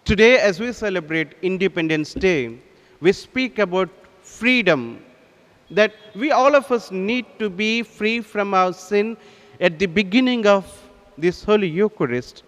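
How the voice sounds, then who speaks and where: Priest at a microphone, cathedral reverb. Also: male voice, high voice. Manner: solemn, measured liturgical intoning. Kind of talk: presiding at Mass. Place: large cathedral, indoors. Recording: long reverb of a large cathedral.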